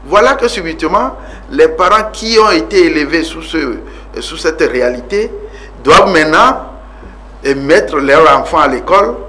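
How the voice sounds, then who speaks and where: A man's voice: fairly high pitch, animated, moderate pace, noisy background. A man in his forties from Togo, a politician being interviewed on TV about his life, speaking earnestly with many fillers and rising emphasis. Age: 40s. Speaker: guest politician.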